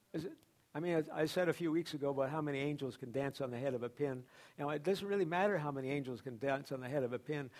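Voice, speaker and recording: Emphatic male preacher, fairly high voice. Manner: emphatic, rising and falling, repeats phrases. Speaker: pastor. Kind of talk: sermon.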